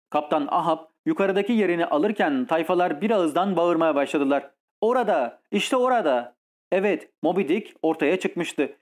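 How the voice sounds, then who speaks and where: A man narrating an adventure audiobook in a steady, measured storytelling voice. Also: fairly high pitch.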